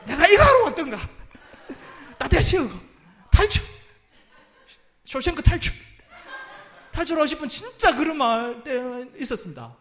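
A man's voice: very high-pitched, big pitch swings, moderate pace, long pauses, bright, forceful tone. A male pastor preaching a sermon from a church pulpit, humorous and self-deprecating, often laughing at his own jokes.

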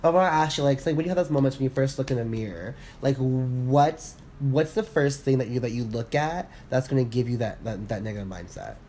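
A man in casual podcast chat, rambling with many fillers and restarts, candid and quick to laugh. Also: mid-range voice, mellow, slight background noise. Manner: laughs often, candid and profane. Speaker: podcast co-host.

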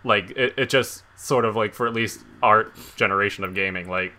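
A man's voice: fairly low pitch, fairly even intonation, moderate pace, bright, forceful tone. A man co-hosting a casual game podcast, rambling with lots of "like" and restarts. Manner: rambling, heavy use of "like". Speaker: podcast co-host. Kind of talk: casual chat.

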